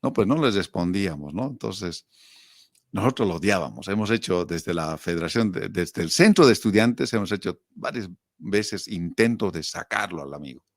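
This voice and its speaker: A man's voice: sits low, moderate pace, dry recording, clean studio sound. A middle-aged man with a Bolivian accent, reminiscing casually as an interview guest and telling his stories with quotes and rhetorical questions. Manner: animated storyteller, acting out quotes and asking himself rhetorical questions.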